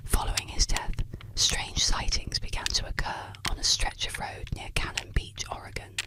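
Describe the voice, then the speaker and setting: A soft, breathy whispered ASMR narration of eerie folk legends, delivered slowly and soothingly to help listeners sleep.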